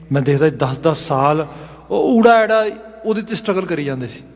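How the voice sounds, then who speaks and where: Male preacher, higher-pitched, lecture-style sermon, methodical explainer who slips into English, long hall reverb. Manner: explains step by step, mixing in English phrases. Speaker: Sikh preacher. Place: gurdwara hall.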